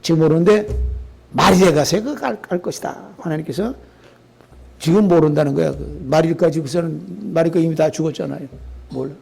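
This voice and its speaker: A pastor preaching a Sunday sermon in a colloquial, emphatic way, full of rhetorical questions. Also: male voice, a little high, a little fast, vocal fry, warm tone.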